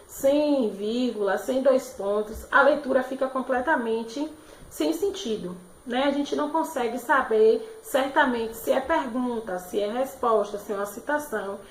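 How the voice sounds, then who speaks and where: A woman teacher with a fairly high voice is teaching a remote class from a room at home. She explains things slowly and warmly, often checking in with her pupils. The room makes her voice echo. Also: a little hiss or hum. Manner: warm, slow and explaining, with frequent "né?" and "certo?". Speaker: primary school teacher.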